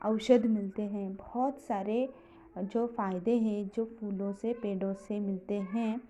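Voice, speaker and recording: A woman's voice: medium pitch, warm tone, lo-fi sound, a little hiss or hum. A woman teacher with an Indian accent who reads a children's story aloud and then explains each line in simple words. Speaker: school teacher.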